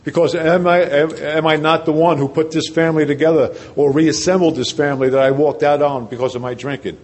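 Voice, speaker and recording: At a large convention, an older recovery speaker from New Jersey shares his personal testimony at a brisk clip with fairly even intonation. He talks in a chatty, self-mocking way, letting his voice fall low and quiet to stress key moments.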